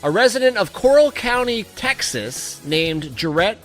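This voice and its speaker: Comedy co-host, man, higher voice, loose rambling reads, faint music bed. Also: sing-song, a little slow. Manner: rambling, chuckling, reads news aloud. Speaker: podcast co-host. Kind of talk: casual live-stream chat.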